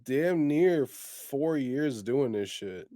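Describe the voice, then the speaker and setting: A man's voice: medium pitch, expressive, very slow, warm tone, no room sound, studio quality. A man in his twenties co-hosting a podcast in casual chat, speaking in a candid, reflective way. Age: 20s. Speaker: podcast co-host.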